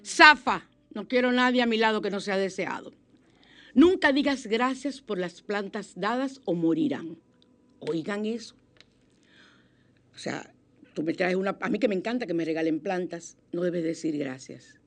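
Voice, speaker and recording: A woman hosts a spiritual self-help radio program from the studio. Her voice sits at an ordinary middle pitch, and she talks in an animated, chatty way, breaking into sudden exclamations as she gives advice. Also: moderate pace. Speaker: radio host.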